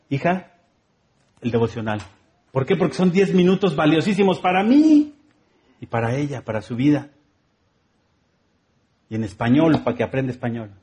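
A man's voice: on the high side, darkish tone. A man with a Mexican accent preaching a sermon in a conversational, humorous way, repeating phrases rhythmically.

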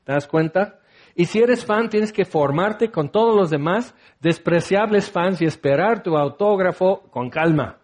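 Man, preacher, high voice, conversational sermon, rhetorical questions. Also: measured pace, darkish tone. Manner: conversational, acts out listeners' replies, asks rhetorical questions.

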